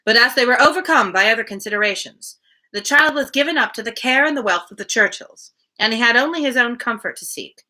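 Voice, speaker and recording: Her voice a little high, bright and forceful, a woman reads a classic novel to listeners as host of a daily live reading. She sometimes shifts into a casual, chatty tone.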